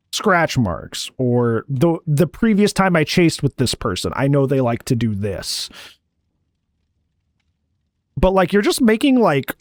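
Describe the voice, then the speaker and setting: Lively, sarcastic male game coach. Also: fairly high pitch, dry recording, studio quality. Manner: blunt, sarcastic, chatty critique. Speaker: match review coach. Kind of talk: gameplay review commentary. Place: at home.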